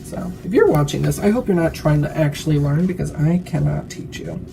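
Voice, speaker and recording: Slightly drunk, a woman with a somewhat low voice rambles through a makeup tutorial in a loose, animated, brisk way, swearing often. Music is clearly audible behind her.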